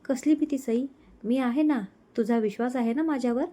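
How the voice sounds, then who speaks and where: A woman voicing a tender, reassuring young man who speaks gently and unhurriedly to his fiancée. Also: high voice, normal speed.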